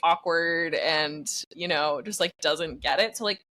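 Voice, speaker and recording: A woman's voice: low-pitched, unhurried, sharp tone, a little hiss or hum. A woman being interviewed about her podcast acting, talking in a rambling, self-deprecating way full of "like". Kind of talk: casual interview chat.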